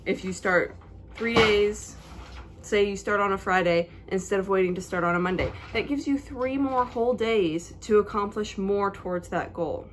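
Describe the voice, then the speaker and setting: A woman's voice: mid-range voice, moderate pace, few pauses, slight background noise. A young woman talking to camera from her bedroom in a chatty, slightly scripted vlog, with her toddler heard in the background. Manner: chatty and apologetic, a bit scripted. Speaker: vlogger. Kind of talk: casual vlog talk to camera. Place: bedroom at home. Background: toddler noises in the background.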